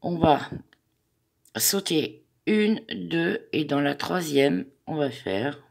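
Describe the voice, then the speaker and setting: Slow, gravelly-voiced woman teaching crochet. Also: low-pitched, lively intonation, darkish tone. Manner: chatty and hesitant, with many fillers, counting stitches aloud. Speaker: crochet tutorial host. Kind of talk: step-by-step craft tutorial.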